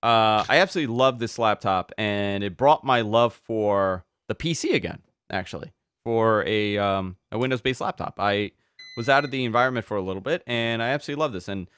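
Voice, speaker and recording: A man hosting a podcast, telling stories in an animated way and repeating words when he gets excited. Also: lowish voice, fairly quick, smooth, no room sound, clean studio sound. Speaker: podcast host. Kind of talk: casual podcast chat.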